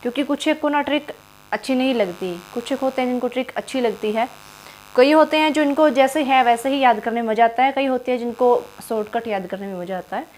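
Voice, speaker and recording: A woman's voice: high voice, a little fast, darkish tone, a little hiss or hum. A woman teacher giving an exam-prep grammar lesson, quizzing the viewer and repeating each syllable aloud.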